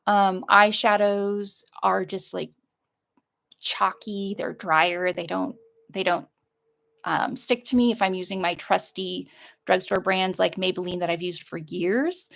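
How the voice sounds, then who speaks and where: A middle-aged woman with a creaky voice, chatting casually through an unboxing in a rambling, hesitant way. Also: lowish voice, steady tone, measured pace, a bit bright. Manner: rambling, hesitant, trailing off and circling back. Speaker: vlogger showing a shopping haul.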